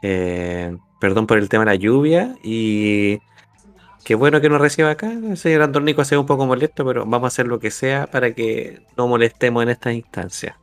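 A man's voice: medium pitch, lively intonation, fairly quick, no echo, lightly acted. A man playing a timid, elegant man in his forties who speaks shyly and courteously in a tabletop role-play. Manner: shy, courteous.

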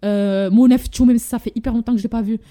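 A young Moroccan woman hosts a relaxed podcast conversation, her voice mellow and warm. She tells stories with energy and drops in Darija and English words. Her voice sits slightly high for a woman. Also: quick pace. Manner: animated storytelling, mixing in Darija and English words. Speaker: podcast host. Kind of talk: casual chat.

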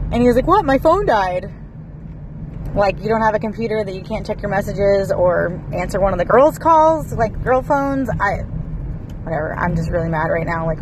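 A woman in her thirties chatting casually to her viewers in an exasperated, venting way, recording from a car. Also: medium pitch. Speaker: vlogger. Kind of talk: casual vlog chat. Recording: car and street noise behind.

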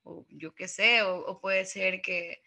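A woman's voice: mid-range voice, takes it slowly, creaky, sharp tone. A woman co-hosting a podcast in giggly, teasing casual chat. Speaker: podcast co-host.

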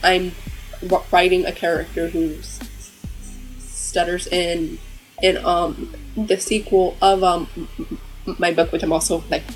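A woman's voice: fairly low pitch, little pitch movement, measured pace, pauses often, soft background music, rough recording. A woman author who stutters heavily, with repeated sounds and blocks, talking casually in an interview.

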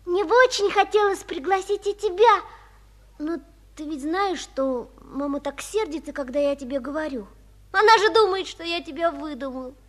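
A woman's voice: extremely high pitch, moderate pace, fairly bright tone. A woman playing an earnest, wistful seven-year-old boy in a 1950s Soviet radio play, with childlike, pleading eagerness. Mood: excited. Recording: 1950s radio drama recording.

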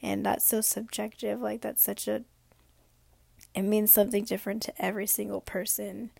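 A sick young adult woman who is losing her voice talks through a late-night vlog at medium pitch and normal speed. Her voice is hoarse and gravelly, sometimes fading to a whisper, with a flat, even melody as she rambles reflectively with many fillers. The recording is dry and close with no room sound.

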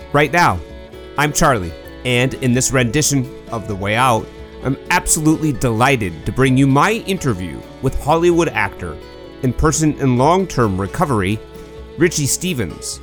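Lively-voiced male podcast host. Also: medium pitch. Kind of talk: scripted intro then interview.

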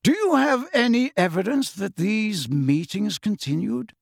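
Wry, courteous old headmaster played by a man, raised pitch, lively lilt, dry close sound. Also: creaky, dry recording, full character voice. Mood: ironic. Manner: politely ironic, measured.

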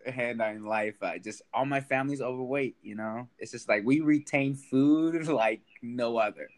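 A young stand-up comedian from Sacramento, in the United States, chats casually as a guest on a podcast. His medium-pitched voice moves at a normal speed, and he is self-deprecating and laughs often.

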